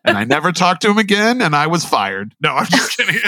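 Bright-voiced middle-aged man, candid and joking. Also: high-pitched, no echo. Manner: rambling, self-deprecating, joking storyteller with frequent restarts. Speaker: line producer, guest. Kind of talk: candid podcast interview chat.

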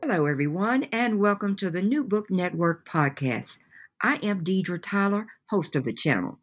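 A woman's voice: mid-range voice, animated, normal speed, soft background music. A woman hosting a podcast interview who asks her questions in a formal way. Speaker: podcast host.

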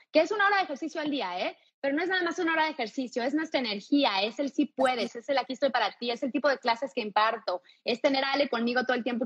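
Through a muffled recording, a slightly rough, somewhat high female voice comes across. She's a Mexican fitness coach with a Mexican Spanish accent, appearing as an interview guest and speaking with candid energy and plenty of casual swearing.

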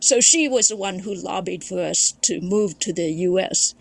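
A Thai woman, a memoirist appearing as a podcast guest, reflectively recounts her family history in casual conversation, frequently restarting sentences. Her voice is lowish, gravelly and slightly rough, at a normal speed.

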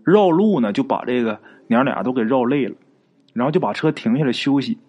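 A man's voice: mid-range voice, lively intonation, a little fast, darkish tone, breathy edge, muffled recording. A man narrating a ghost story in a chatty, folksy way, drawing out particles and speaking straight to his listeners.

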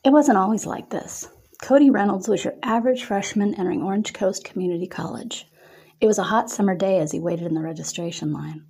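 A woman reading her own erotic story aloud in a steady storytelling manner. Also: medium pitch, gravelly, husky.

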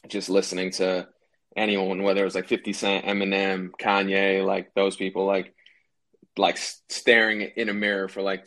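A young man from New Hampshire, USA, with a low-pitched, slightly bright voice, appears as a rapper guest on a casual podcast interview. He's laid-back and uses plenty of fillers such as "like" and "you know what I mean."

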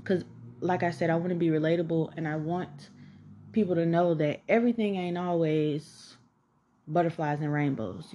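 Low and dark-toned, with a little hiss or hum in the audio, this podcast host is an Atlanta woman in her 20s with a Southern accent. She chats candidly about her own life, swearing freely and leaning on "like."

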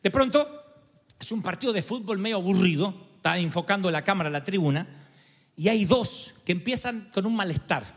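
A male pastor, preaching a sermon in an animated way and acting out quoted voices. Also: high voice, a little fast. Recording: long hall reverb.

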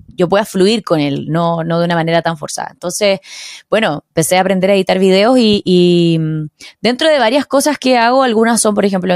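A Chilean woman in her thirties, a singer-songwriter guest on a podcast, talking in a relaxed, chatty way with plenty of fillers. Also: lowish voice, no room sound, clean studio sound. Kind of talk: casual podcast interview.

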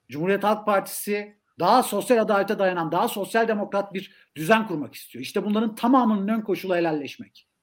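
Male academic guest for political talk show, fairly high voice, emphatic and rhetorical delivery. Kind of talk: political discussion on a live stream.

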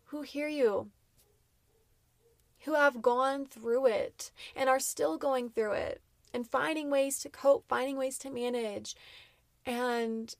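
A woman's voice: on the high side, no room sound, studio quality. A woman giving personal advice to viewers as a vlogger, in an upbeat, tidy, encouraging and reassuring manner.

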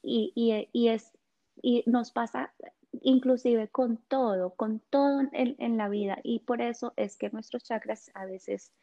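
A woman, a guest, talking in a gentle, hesitant way with many fillers, explaining in casual conversation. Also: a little high, steady tone, unhurried, muffled recording. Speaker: guest on chakras and essential oils.

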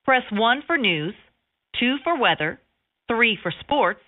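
A woman's voice: on the high side, lively intonation, takes it slowly. A woman's recorded phone menu message played over a phone line, read in a lilting, upbeat way.

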